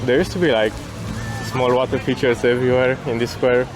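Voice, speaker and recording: A man's voice: medium pitch, steady tone, a little fast, rough recording. A man from Romania, an IRL streamer, chatting casually with his viewers as he walks outdoors through a city. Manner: laid-back, thanking chat viewers by name. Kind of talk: casual live-stream chat while walking. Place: outdoors on a city square and promenade. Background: music playing nearby.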